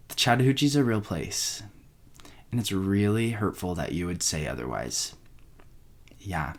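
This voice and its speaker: A man's voice: on the low side, close to an everyday voice. Man playing a disappointed school principal. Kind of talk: comedic skit.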